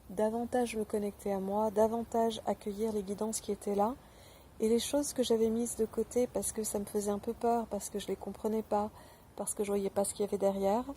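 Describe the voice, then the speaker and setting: A woman giving a spoken testimonial straight to the viewer, gentle and earnest, with hesitant pauses and fillers. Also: medium pitch, slight background noise. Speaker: former program participant giving a testimonial.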